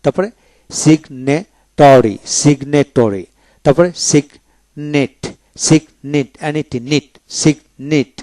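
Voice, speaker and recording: Man, Bengali accent, teacher, slightly high voice, dry close sound, spells and repeats words. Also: steady tone, a little mellow, no echo. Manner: slow and deliberate, spells words out letter by letter and repeats them. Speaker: English pronunciation teacher. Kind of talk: spoken lesson.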